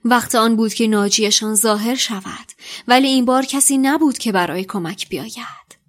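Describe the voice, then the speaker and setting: A woman reading a novel passage aloud on a podcast, with a hushed, dramatic storytelling delivery. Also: mid-range voice. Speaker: podcast reader.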